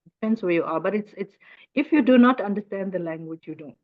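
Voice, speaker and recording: Animated and quick, her mid-range voice belongs to an Afrikaans-speaking teacher in her fifties from the Northern Cape, South Africa. She's an interview guest chatting casually, often repeating words as she hunts for phrasing, and the audio is dull and lo-fi.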